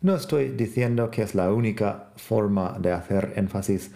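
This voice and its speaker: A man hosting a relaxed podcast lesson, teaching English phrases to Spanish speakers and drawing out his example sentences slowly. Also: lowish voice, gravelly. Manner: slow, drawn-out example phrases. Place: rainy city in Spain. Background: faint music.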